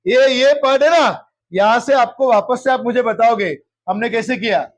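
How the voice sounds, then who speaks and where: A man's voice: extremely high pitch, moderate pace. A male math teacher, lecturing a class in geometry, often repeating questions and checking whether anyone has doubts, and mixing English terms into his speech. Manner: mixes English terms into Hindi.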